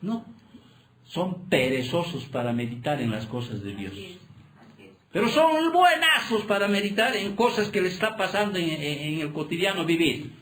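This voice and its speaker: Preaching a sermon in an echoey church hall, a pastor presses his congregation with constant rhetorical questions. His voice is high, expressive and fairly bright, delivered at a moderate pace.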